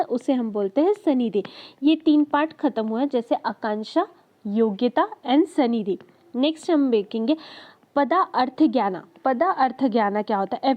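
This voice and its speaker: A woman teaching an Ayurveda lesson, explaining terms in Hindi mixed with English and reading definitions slowly. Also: high voice. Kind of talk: explaining lecture. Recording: dull lo-fi audio.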